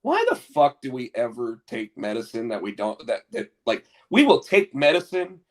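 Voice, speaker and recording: Congested with a cold, this man co-hosts a laid-back talk show at a normal speed, his medium-pitched voice swooping wildly up and down. He rambles in bursts, tripping into frequent restarts.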